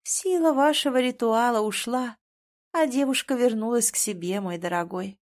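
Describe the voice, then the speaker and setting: A woman's voice: on the high side, normal speed, darkish tone, close to an everyday voice. A woman voicing a tender ghost grandmother in an audiobook, with a sweet, sing-song manner. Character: tender, doting ghost grandmother, a former queen. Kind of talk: audiobook character reading.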